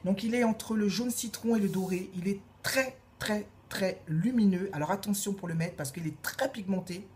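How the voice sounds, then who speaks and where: A woman reviewing makeup in a casual, gushing way, repeating her praise and filling pauses with hesitations. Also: mid-range voice, darkish tone, a little hiss or hum. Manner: gushing, repeats praise words, many fillers. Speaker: beauty vlogger.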